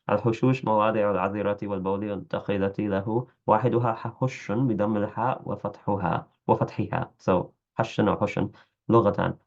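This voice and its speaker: A man's voice: lowish voice, highs cut off. A man teaching a class. He reads a classical Arabic text aloud, stops to comment in English and corrects his own slips as he goes. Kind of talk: reading aloud and explaining in a class.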